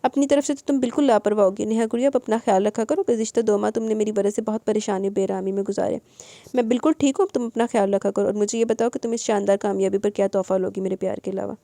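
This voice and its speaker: A woman's voice: mid-range voice, steady tone, gravelly, mellow, no room sound, lightly acted. A woman reading the lines of an ill young husband, tender and pleading. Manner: pleading, affectionate.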